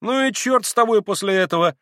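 A man's voice: fairly high pitch, expressive, fairly quick, no echo, clean studio sound, lightly acted. A man doing a cocky, lecturing schoolboy. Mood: brash lecturing. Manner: brash, teasing, lecturing.

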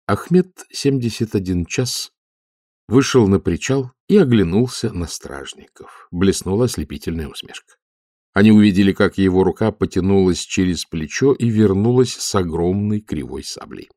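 A man narrating an audiobook in a calm, even storytelling manner. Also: low voice, normal speed, dry recording, studio quality. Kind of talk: scripted narration.

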